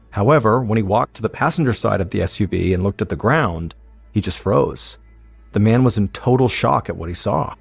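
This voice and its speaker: A man hosting a podcast, telling a true-crime story in measured, suspenseful scripted narration. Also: medium pitch, creaky, breathy edge, no echo. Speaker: podcast host.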